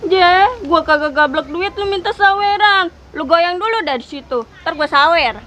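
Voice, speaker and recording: A woman's voice: very high-pitched, normal speed, sharp tone, slight background noise. A woman playing a blunt, teasing housewife in a comedy skit, with a Jakarta Betawi accent.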